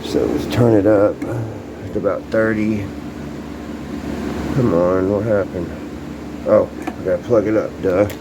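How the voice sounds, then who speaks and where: A hobbyist shows off restored vintage radios in a casual hands-on demo to camera, chatting in a folksy, informal way and thinking aloud as he works. His voice is fairly low and slow, with long pauses. A handheld camera records him, sometimes set down farther off, amid loud background hum and ambient noise.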